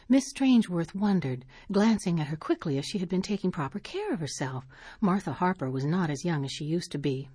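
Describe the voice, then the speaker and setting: Breathy woman reading a story aloud. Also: lowish voice, a little mellow, dry recording, clean studio sound. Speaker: narrator.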